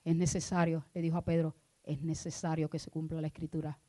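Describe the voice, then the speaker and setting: A woman minister preaching a sermon, moving from hushed prayer to loud, fervent exhortation. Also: low-pitched, level tone, brisk.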